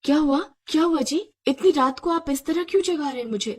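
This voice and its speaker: A devoted village wife, as the narrator voices her, speaks in a high, breathy voice that rises and falls widely. She is anxious, stammers and pleads in this cartoon tale. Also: expressive, moderate pace, a little mellow.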